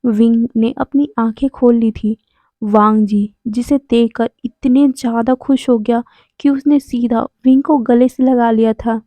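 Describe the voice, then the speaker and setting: A woman's voice: fairly high pitch, steady tone, unhurried, warm tone, no room sound. A woman casually retelling a fan fiction story, chatty, with fillers and self-corrections. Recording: dull lo-fi, dry sound.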